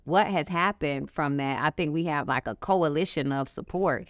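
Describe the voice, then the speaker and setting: In a candid interview, a small business co-founder, a middle-aged Chicago-area woman with the local accent, tells stories frankly and animatedly, throwing in emphatic asides. Her voice is low-pitched and moderately paced, on a dry, clean studio recording.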